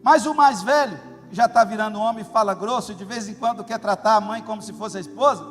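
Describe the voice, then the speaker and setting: High-voiced middle-aged pastor guy, preaching hard with big stresses, long church hall echo. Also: quick pace. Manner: emphatic, animated preaching with sudden loud stresses. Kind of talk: sermon. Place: church auditorium. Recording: long hall reverb, faint music.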